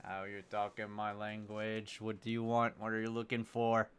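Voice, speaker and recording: A man playing a gruff, guarded merchant in a tabletop role-play game, brusque and folksy in his speech. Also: lowish voice, completely flat delivery, moderate pace, fairly bright tone, lightly acted. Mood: shrewd, businesslike. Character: gruff, cagey junk-store merchant, male, grumbling and guarded.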